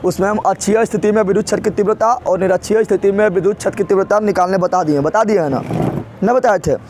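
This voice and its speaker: High-voiced physics teacher. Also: male voice, fast talker, noisy background. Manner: repetitive call-and-response questioning. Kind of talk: classroom lecture.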